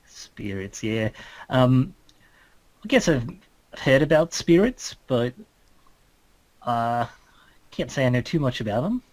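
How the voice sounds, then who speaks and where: A man acts out an amiable animal-loving druid for a tabletop game. His rides on a lively, swinging pitch. He talks in a halting, colloquial, easygoing way, recorded dry. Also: dry recording, low-quality recording. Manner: laid-back, halting, colloquial. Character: Marcus, easygoing, friendly male druid fond of animals. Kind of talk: improvised tabletop role-play.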